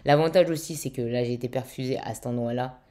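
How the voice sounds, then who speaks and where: Young woman, very low voice, warm and dark, casual vlog chat, lots of fillers, casual swearing, slightly weak throat. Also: fast. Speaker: vlogger.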